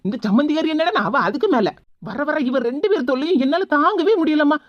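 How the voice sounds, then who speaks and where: A woman's voice: high-pitched, a little fast, no echo, lo-fi sound, pitched below the performer's own voice, close to an everyday voice. A woman voicing a put-upon young daughter-in-law in a cartoon, grumbling to herself. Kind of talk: cartoon voice acting.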